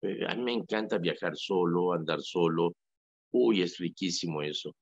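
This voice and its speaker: Un sacerdote católico con acento mexicano que conversa en la radio, con un tono animado y enfático, como quien cuenta anécdotas. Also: male voice, low-pitched, normal speed, husky, no echo. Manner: animated, emphatic, storytelling. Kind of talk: casual radio talk. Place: radio studio. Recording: dry lo-fi radio audio.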